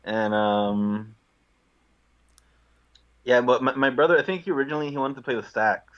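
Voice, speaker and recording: A young Guatemalan musician on a video call answers casual interview questions in an easygoing, often laughing, self-deprecating way. He speaks at a normal speed in a medium-pitched, slightly bright voice. The audio is dull.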